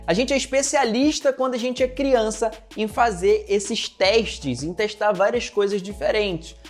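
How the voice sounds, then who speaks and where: High-voiced man teaching through stories. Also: measured pace. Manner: conversational, speaks straight to the listener and acts out quoted dialogue. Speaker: neurolinguistic programming coach. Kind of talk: online lesson told through personal stories. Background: faint background music.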